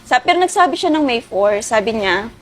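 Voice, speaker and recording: High-voiced woman telling a painful story. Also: big pitch swings, brisk, slight background noise. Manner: polite, addresses interviewer as ma'am. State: emotional, near tears. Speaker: interviewee. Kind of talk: tearful personal account.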